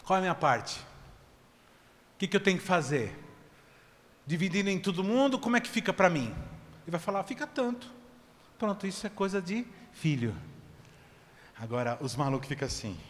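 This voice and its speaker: A man preaching a sermon as pastor, swinging from loud, stretched shouts to low, quick asides. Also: sing-song. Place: church hall. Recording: long church reverb, faint background noise.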